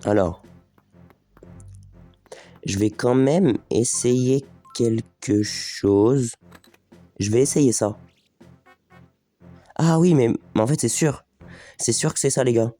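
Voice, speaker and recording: With faint music in the background, a gaming host speaks slowly in a warm, medium-pitched voice, leaving long pauses. He has a slight head cold and casually narrates a let's play, chatty and thinking aloud while addressing viewers directly as les gars.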